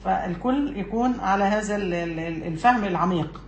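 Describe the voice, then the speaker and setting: A woman's voice: medium pitch, brisk. A woman with an Egyptian accent giving a religious lesson from a book, emphatic and putting rhetorical questions to her listeners. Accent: Egyptian Arabic. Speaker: religious teacher. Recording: echoey room with faint background noise.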